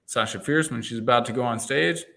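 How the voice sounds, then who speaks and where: Energetic man coaching in a casual chat. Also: medium pitch, fairly quick, creaky, noisy background. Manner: energetic storyteller, acts out quoted inner dialogue; rambling restarts and repeated words. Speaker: guest, NLP coach and entrepreneur mentor. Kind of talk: casual interview conversation.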